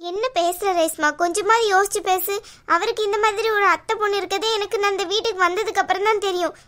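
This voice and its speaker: A woman's voice: very high voice, fairly even intonation, fast, a bit bright. A woman voicing a patient young wife in a cartoon, talking in an earnest, pleading way. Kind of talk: cartoon voice acting.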